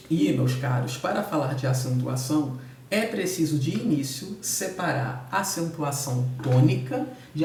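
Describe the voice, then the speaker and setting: A Brazilian man teaching a recorded lesson, explaining each point in order and checking in with the class after each one. His voice sits a little high for a man. The sound is roomy and he is heard from a distance, with faint noise underneath. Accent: Brazilian Portuguese. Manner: explains step by step, keeps checking in with "tudo bem?" and "tá?". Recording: echoey room, voice off-mic.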